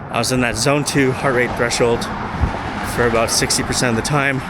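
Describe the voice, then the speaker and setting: A man talking casually to camera while out running, in short halting phrases. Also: mid-range voice, steady tone. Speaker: running vlogger. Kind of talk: casual vlog talk to camera. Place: outdoors on a running route. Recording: outdoor street noise, passing cars. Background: traffic and outdoor ambience.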